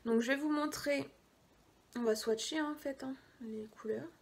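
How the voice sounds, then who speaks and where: A woman chatting casually through a makeup haul video, hesitant, often dropping into quiet asides. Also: high voice, steady tone, normal speed. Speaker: beauty vlogger.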